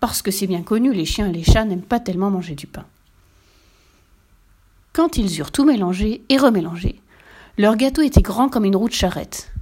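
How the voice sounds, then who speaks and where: A woman's voice: medium pitch, expressive, moderate pace, pauses often, a little mellow. Woman reading a children's story.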